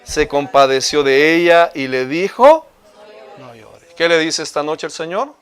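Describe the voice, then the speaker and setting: A man's voice: a little high, animated, normal speed, a bit bright, smooth, some chatter behind. A male pastor preaching a sermon with passion, speaking straight to his congregation. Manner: impassioned preaching, addressing listeners as hermano.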